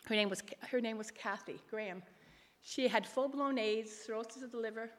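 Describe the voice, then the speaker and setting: A lay ministry leader, a middle-aged woman, delivers an earnest personal testimony that wanders as she speaks to an audience at a church gathering. Her big, emphatic voice is a little high and moves at a moderate pace, echoing through a large, reverberant room.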